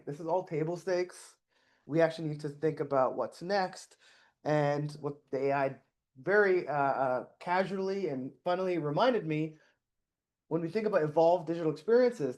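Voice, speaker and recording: On a conference stage before an audience, a middle-aged man gives a talk in a casual, self-deprecating way, restarting often and using lots of fillers. His voice sits on the high side and sounds a little mellow.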